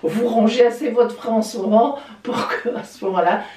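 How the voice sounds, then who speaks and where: A woman astrologer giving a weekly horoscope in a lively, chatty way, with playful exclamations. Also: a little high, normal speed. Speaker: astrologer and psychic. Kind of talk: weekly horoscope video talk. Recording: echoey room, voice a bit distant from the mic.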